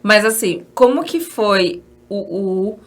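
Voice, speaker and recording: A woman's voice: mid-range voice, expressive, takes it slowly, fairly bright tone. A woman with a Brazilian Portuguese accent hosting a podcast, prompting her guest with short questions and reactions. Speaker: podcast host. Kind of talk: casual interview.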